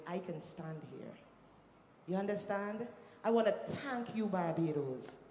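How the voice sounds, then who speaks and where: A woman's voice: a little high, slight background noise. Guyanese woman singer working a festival crowd. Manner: lively, calls out to the crowd. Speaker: singer performing on stage. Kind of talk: stage banter with a festival crowd. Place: large venue on stage. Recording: echoey hall with long reverb.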